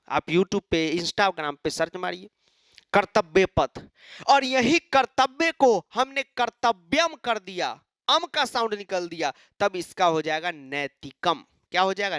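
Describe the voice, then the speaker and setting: Guy teaching exam prep, asks himself stuff then answers, crisp voice no room echo. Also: high-pitched, studio quality. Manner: animated, asks and answers his own questions; mimics students' replies.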